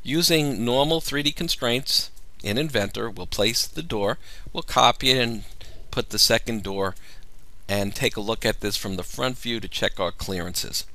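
A man giving a measured, step-by-step software tutorial as a voice-over. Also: medium pitch. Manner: measured, explanatory walkthrough. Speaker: software demonstrator. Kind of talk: screen-recorded software tutorial.

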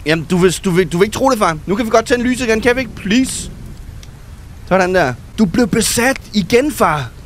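A man giving excited gameplay commentary as a gaming YouTuber. He reads game text aloud and drops English game words into his talk. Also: high-pitched, a little hiss or hum.

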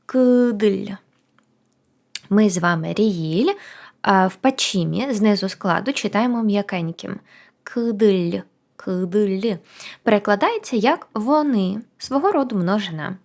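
A woman's voice: medium pitch, expressive. Woman teaching a language lesson. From Ukraine. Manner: counts down before each word, then says it slowly twice.

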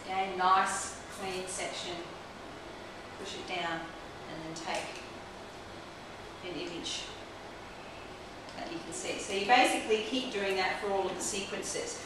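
A woman's voice: mid-range voice, steady tone, unhurried, long pauses. A woman in her forties, a trichologist, explains a technique step by step while working on a client in a small clinic room, recorded by a camera mic across the room. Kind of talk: hands-on instructional demonstration. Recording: roomy echo from a distant camera mic, clear background hiss.

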